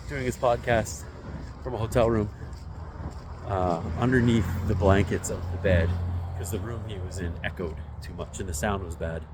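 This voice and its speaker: A man in his forties with a low, deep voice rambles casually into a phone held out on a selfie stick. He walks outdoors along a residential street, musing in a self-deprecating way, with faint noise in the background. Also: normal speed. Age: 40s. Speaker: vlogger. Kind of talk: casual walking vlog.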